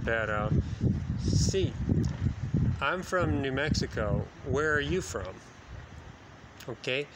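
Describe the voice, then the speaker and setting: Slow-talking man teaching outdoors by phone. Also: mid-range voice. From United States. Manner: slow, deliberate, repeating phrases for learners. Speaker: English teacher. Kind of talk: slow bilingual phone-video lesson. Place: outdoors at night by a building. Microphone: phone at arm's length. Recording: phone video with loud wind noise outdoors. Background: loud wind and street noise.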